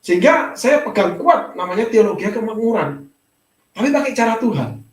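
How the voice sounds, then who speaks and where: A male pastor with a high voice gives a chatty, story-driven sermon. He keeps turning to speak straight to the congregation. The sound is roomy and echoey, picked up from some distance away. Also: animated, normal speed. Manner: conversational storytelling preaching, often addressing the congregation as "saudaraku". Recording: echoey room, mic at a distance.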